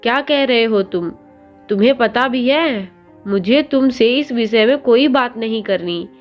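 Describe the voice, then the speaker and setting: A woman's voice: fairly high pitch, a little slow, faint music behind, close to an everyday voice. A woman voicing a hurt young wife who answers curtly and with exasperation in a storybook reading. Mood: angry. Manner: sharp, curt, exasperated.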